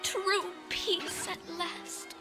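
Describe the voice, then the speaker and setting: A woman's voice: extremely high pitch, level tone, extremely slow, heavily acted. A woman voicing a bossy, sarcastic girl of about nine in a cartoon, who secretly swoons into lovesick poetry. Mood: swooning. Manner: scornful, sarcastic, turns gushing and poetic. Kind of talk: cartoon voice acting. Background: cartoon music.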